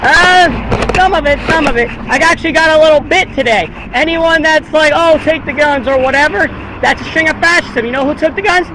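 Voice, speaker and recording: An American man's very high voice moves fairly quickly as he protests outdoors next to a busy road, repeating slogans and chatting with those passing by. Traffic and street noise sound behind him.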